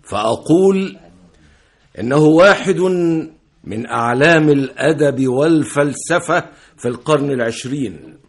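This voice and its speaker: An older man playing a veteran literary thinker giving a formal, measured lecture in a radio drama. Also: medium pitch, close to an everyday voice.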